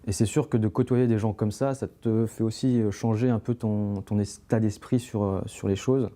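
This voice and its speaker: A man's voice: on the low side, fairly even intonation, normal speed, mellow. A young man, a podcast guest, talking casually and rambling with many fillers and restarts. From France. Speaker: interview guest, climbing brand founder.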